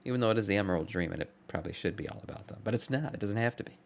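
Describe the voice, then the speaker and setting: A man's voice: on the low side, very fast. A man streamer giving casual reaction commentary, blunt and chatty, swearing offhand.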